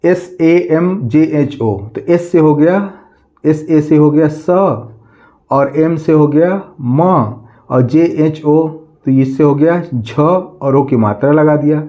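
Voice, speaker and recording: A man teaching a class, slowly spelling words out letter by letter, asking questions and answering them himself. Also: fairly high pitch, warm tone. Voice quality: slow, drawn-out letter-by-letter spelling, repeating questions.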